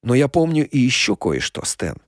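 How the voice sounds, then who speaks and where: A man's voice: medium pitch, very animated, normal speed, no echo, clean studio sound, lightly acted. A man voicing a desperate young woman in an audiobook crime story, emotional and accusing. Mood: hushed accusing.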